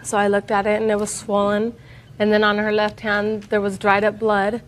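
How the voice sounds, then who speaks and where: A woman recounts her side in court in a plain, matter-of-fact way. Her voice is medium in pitch and stays flat and even. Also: normal speed, a little hiss or hum. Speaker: litigant in small claims court. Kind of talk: spontaneous testimony.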